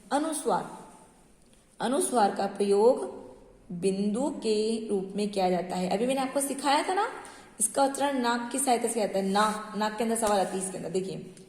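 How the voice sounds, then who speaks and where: A woman's voice: mid-range voice, darkish tone. A woman teaching a primary school Hindi class, patient and repeating words, asking checking questions. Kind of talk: online class lesson. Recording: echoey room with long reverb.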